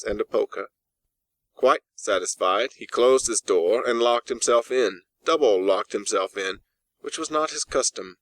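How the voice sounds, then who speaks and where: In a dry recording, a man with a medium-pitched voice narrates a classic ghost story for an audiobook. His phrasing is deliberate and dramatic, broken by emphatic pauses.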